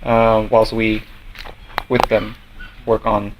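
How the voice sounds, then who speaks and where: A young man from Norway, a student association president, answering interview questions in a measured way with many fillers and restarts. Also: on the low side, monotone, noisy background. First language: Norwegian. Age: young adult.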